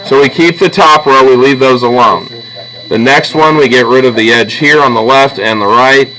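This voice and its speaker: With poor audio, we hear an art teacher of medium pitch and sharp tone speaking at a moderate pace. He patiently leads his classroom of students through a drawing, step by step, with frequent "okay?" and "all right?" check-ins.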